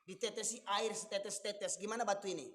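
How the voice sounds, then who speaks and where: A man with a Minangkabau accent preaching a sermon, fiery and emphatic, often surging to loud peaks. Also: high-pitched, fairly even intonation, a little fast, a little hiss or hum. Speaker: Islamic preacher. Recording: long echoey hall reverb.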